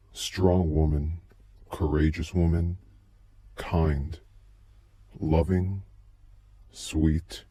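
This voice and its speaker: A man's voice is dropped extremely deep by a pitch-shifting voice changer, sounding dark and muffled as he narrates a scripted, first-person recorded tape. He speaks slowly and haltingly in a brooding manner, his pitch hardly shifting, like a confession onto tape.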